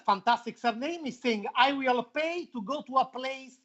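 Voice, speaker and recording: This playful man presents a football show, chatting casually in a very high, somewhat bright voice at a moderate pace. His English carries a foreign, non-native accent, he repeats words for emphasis, and the recording sounds muffled.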